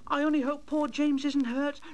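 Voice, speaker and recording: A man's voice: very high-pitched, little pitch movement, moderate pace, pitched above the performer's own voice. A man voicing an eager, plucky little male tank engine in a storybook, urgent and emphatic. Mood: urgent, worried. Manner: urgent, emphatic, repeating phrases. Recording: noisy old storybook LP.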